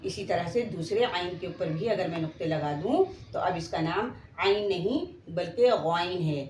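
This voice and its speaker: A woman's voice: fairly low pitch, moderate pace, a little mellow, slight background noise. A woman teaching beginners to read Quranic letters, patiently drawing out each letter name for students to repeat, with a Pakistani Urdu accent. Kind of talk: slow beginner lesson, spelling out letters. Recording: echoey room, faint ambience.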